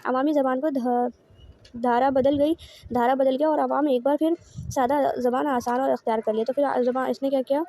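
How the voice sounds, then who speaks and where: A woman teacher with a high, warm voice delivers an online lecture on course notes, repeating each point in fresh words after asking and answering her own rhetorical questions.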